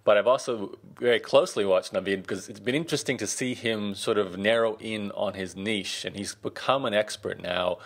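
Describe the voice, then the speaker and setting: A man hosting a podcast interview, talking in a relaxed, conversational way with some fillers. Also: lowish voice, a little fast, hardly any pauses. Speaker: podcast host.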